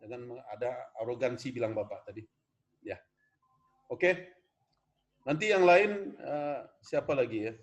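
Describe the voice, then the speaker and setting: A man's voice: medium pitch, unhurried, pauses often. A man from West Sumatra, lecturing in an online class, earnest and rambling, often addressing students as "Pak". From West Sumatra, Indonesia. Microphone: video call.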